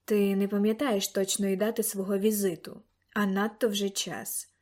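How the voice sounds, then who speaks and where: A woman reading an eager, excitable old grandfather in an audiobook, bursting into loud exclamations. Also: medium pitch, moderate pace, natural voice. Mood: pondering.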